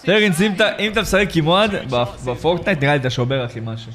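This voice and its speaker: A man live-streaming a football video game, exclaiming in excitement, repeating himself and thanking viewers in slangy chat. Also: fairly high pitch. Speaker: gaming livestreamer.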